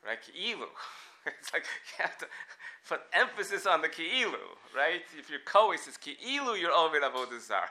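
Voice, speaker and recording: Speaking at a moderate pace in a slightly high voice, this man teaches a casual Talmud class. He reasons aloud, often starting over with animation and posing frequent rhetorical questions.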